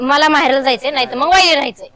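A woman's voice: high-pitched, very fast, bright, forceful tone. A woman playing a defiant young daughter-in-law who argues and talks back sharply.

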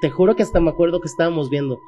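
A man's voice: a little high, rapid-fire, dark tone. Slangy Mexican man telling a scary story. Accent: Mexican Spanish. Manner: slangy, emphatic, raises voice when quoting. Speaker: guest telling a paranormal story. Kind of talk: casual storytelling.

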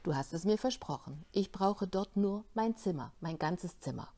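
A woman's voice: on the low side, expressive, moderate pace, dark tone. A woman voicing a stubborn young boy in a storybook reading, defiant and insistent. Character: stubborn young boy facing a hospital stay.

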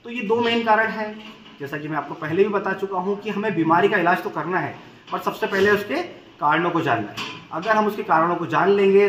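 A man in his thirties talks to camera as a goat farmer and channel host, laying out a remedy step by step and repeating the key points for his viewers. His voice sits a little high. The sound carries the echo of a large open shed over a faint bed of background noise. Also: a bit bright. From India. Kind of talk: instructional farming video. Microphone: camera at medium distance, standing to camera.

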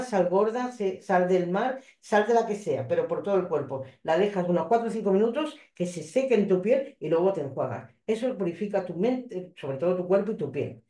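Mellow-voiced tarot reader, roomy sound. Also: female voice, medium pitch. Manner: chatty, repeats phrases, affectionate asides to the listener. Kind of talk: casual tarot reading to viewers. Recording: roomy echo.

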